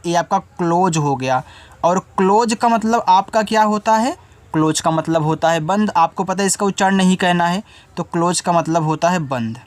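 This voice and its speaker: Guy teaching english spelling, slow letter by letter, then says the word low and soft, repeats everything twice. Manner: patient, repeats each meaning twice. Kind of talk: step-by-step spelling lesson.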